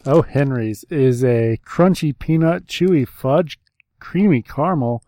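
A man's voice: mid-range voice, a little slow, warm tone, no room sound. A man co-hosting a casual snack-review podcast, joking and laughing often. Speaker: podcast co-host.

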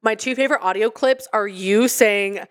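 A woman's voice: mid-range voice, normal speed. A woman co-hosting a podcast, telling stories in a chatty, casual way and leaning heavily on "like.". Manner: chatty storytelling, heavy use of "like". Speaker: podcast co-host. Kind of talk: casual chat.

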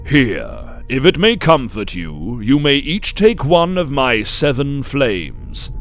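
A man voicing a towering, ancient sun-like elder who smiles and manipulates, speaking in a croaking voice with grand, drawn-out pronouncements. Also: medium pitch, very animated, soft background music, voice pushed up. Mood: indignant.

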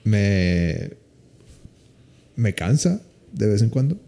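A man in relaxed casual conversation, calmly asking questions and debating. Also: lowish voice, extremely slow, vocal fry. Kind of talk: casual chat.

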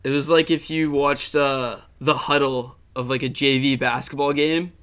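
A young man hosting a sports podcast, chatting loosely and profanely. His voice is mid-pitched, and his sentences often fade off quietly. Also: fairly even intonation, normal speed, clear, resonant tone. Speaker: podcast host. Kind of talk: casual sports chat.

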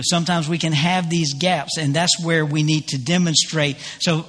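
A man's voice: fairly high pitch, fairly bright tone. Man preaching in a reverberant hall. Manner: conversational preaching, many fillers and restarts, self-deprecating humor. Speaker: pastor. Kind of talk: sermon. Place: church sanctuary.

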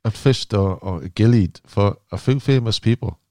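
A man's voice: on the low side, moderate pace, warm tone, dry recording, studio quality. A man interviewing someone in a casual, chatty style. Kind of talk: casual chat.

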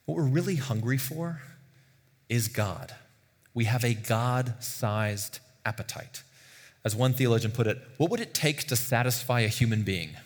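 A man's voice: medium pitch, expressive, a little slow, slightly rough. Preaching man in a reverberant hall. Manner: earnest preaching with rhetorical questions and asides. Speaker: pastor. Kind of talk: sermon. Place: church sanctuary.

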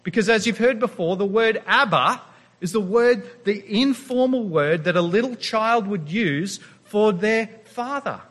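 A man in his thirties preaching a sermon in a church, animated and emphatic, with his voice rising on key points. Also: high voice, unhurried. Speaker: pastor. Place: church sanctuary. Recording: long reverb of a large church hall.

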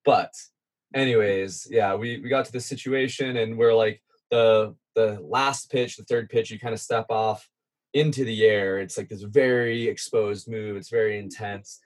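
A man's voice: lowish voice, fairly even intonation, measured pace. A man casually telling an adventure story as a guest, chatty and self-deprecating, with plenty of fillers. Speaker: guest content creator.

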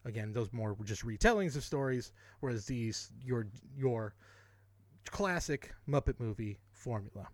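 A man's voice: mid-range voice, expressive, moderate pace, no echo. A man co-hosting a podcast in casual chat, rambling and correcting himself as he goes, often laughing. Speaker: podcast co-host.

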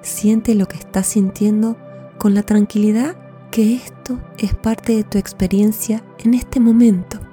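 A woman hosting a podcast and leading a guided mindfulness meditation in a soothing, gentle, unhurried way. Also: medium pitch, fairly even intonation. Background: soft new-age music.

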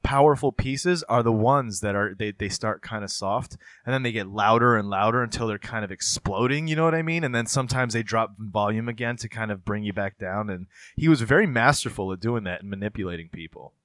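A man in his thirties with a lowish voice, talking casually and wandering through long explanations. His voice is recorded very dry and close, with no room sound. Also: brisk, few pauses, a bit bright, no echo. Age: 30s. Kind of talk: casual chat.

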